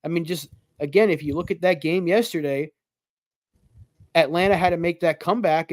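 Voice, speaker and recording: A man co-hosting a sports podcast in a relaxed, conversational way, full of "like" and "you know". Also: on the high side, no room sound, clean studio sound. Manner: conversational, lots of fillers like "like". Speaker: podcast co-host. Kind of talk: casual sports talk.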